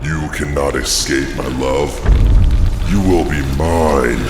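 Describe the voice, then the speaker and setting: A man voicing a gloating, possessive female creature that poses as a loving wife, with gravelly, menacing endearments in a horror story. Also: very deep voice, takes it slowly. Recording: music behind the voice.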